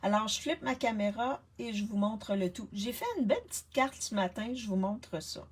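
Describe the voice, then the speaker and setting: A woman's voice: mid-range voice, moderate pace, husky. A retired woman, casually chatting on a live card-making stream and greeting viewers by name, with lots of fillers and restarts. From Canada. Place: home craft workspace. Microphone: laptop webcam on a desk.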